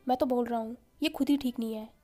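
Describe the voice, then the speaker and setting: A woman's voice: fairly high pitch, steady tone, fast talker, dark tone, soft background music, close to an everyday voice. A woman voicing an irritable young man who speaks curtly and teasingly. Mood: irritated.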